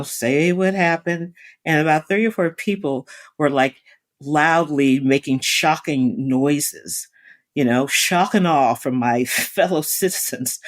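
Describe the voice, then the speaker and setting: A woman hosting her own podcast, telling a personal story about therapy in a candid way, breaking into sarcastic asides. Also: deep voice. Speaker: podcast host.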